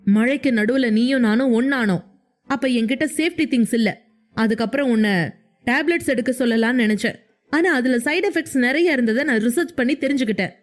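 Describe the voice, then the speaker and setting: A woman's voice: fairly high pitch, fairly quick, close to an everyday voice. A woman voicing an angry, hurt young husband who argues in heated, insistent questions. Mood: angry pleading.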